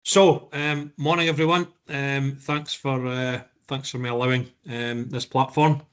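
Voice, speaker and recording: A man presenting on an online call in a broad Scottish accent. His pitch stays fairly even and sits in an ordinary male range. He talks informally, often doubling back on words. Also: unhurried, smooth. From Scotland. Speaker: guest presenter.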